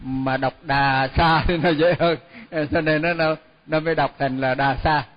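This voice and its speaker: A man teaching a chanting lesson, sounding each syllable slowly before chatting through pronunciation with small laughs. His voice sits somewhat high. The recording is dull and lo-fi, with a long hall reverb trailing behind him. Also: fairly even intonation. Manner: slow repeated chanting of each word, then quick chatty explanation with light laughs. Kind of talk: chanting lesson with spoken explanation.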